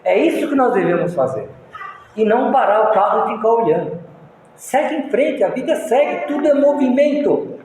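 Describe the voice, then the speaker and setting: A man's voice: extremely high pitch, big pitch swings, moderate pace, a little mellow. A man with a Brazilian accent giving a folksy moral lecture at a spiritist center, telling stories with many restarts. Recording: echoey hall, faint room noise.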